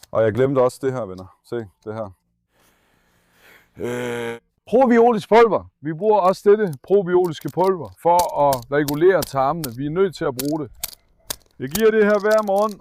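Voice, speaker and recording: A young man caring for a sick puppy on camera, earnest with viewers and coaxing softly with the dog. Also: fairly high pitch, slight background noise. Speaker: animal caretaker and channel host. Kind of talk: casual vlog explaining care of a sick puppy.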